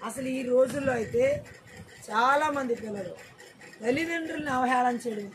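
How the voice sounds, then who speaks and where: A preacher delivering a church sermon, repeating phrases and urging the congregation to say amen loudly. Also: high voice, moderate pace, a little hiss or hum. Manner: repeats lines and calls for loud amens.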